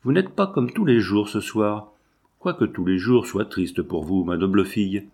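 An old, paralysed peasant spinner speaks, anxious and nearly maternal, as a male storybook reader does her. The voice sits low. Her lines are read calmly inside the narration. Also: normal speed, slightly rough. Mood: alarmed.

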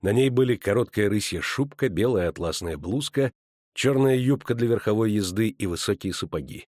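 Man, audiobook narrator, measured expressive reading, lowish voice, close dry recording. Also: no echo. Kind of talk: scripted narration.

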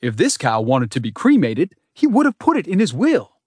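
A man voicing a genteel male grill god with a Southern accent, grand and booming. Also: wildly swooping pitch, normal speed, darkish tone, husky, no room sound, studio quality, full character voice. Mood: grandiose.

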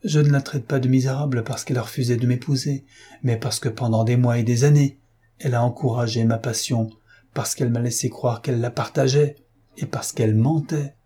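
A man's voice: medium pitch, steady tone, a little fast, dark tone, husky, close to an everyday voice. A man voicing an anguished, jealous young nobleman who speaks in bitter, passionate outbursts.

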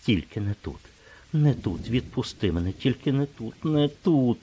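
A man voicing a proud, sharp-tongued young woman in an audiobook, speaking in a hushed, tense way. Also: mid-range voice, expressive, moderate pace, breathy edge, pitched above the performer's own voice. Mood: hushed pleading.

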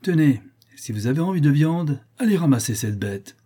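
Give me a haughty, commanding adventurer, voiced by a male audiobook reader. He is raised and firm over a mellow, husky base. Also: fairly high pitch, animated, normal speed, pitched above the performer's own voice. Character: bold English adventurer, commanding.

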